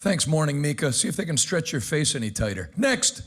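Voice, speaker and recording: A man's voice: on the high side, very animated, brisk, a bit bright, husky. A man hosting a news commentary show, brash and sarcastic, introducing clips with punchy remarks. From United States. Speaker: host. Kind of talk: energetic commentary.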